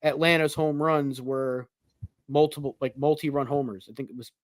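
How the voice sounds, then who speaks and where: A man's voice: mid-range voice, steady tone, moderate pace, no room sound. Chatty man on a podcast, dry sound. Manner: conversational, lots of fillers like "like". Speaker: podcast co-host. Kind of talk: casual sports talk.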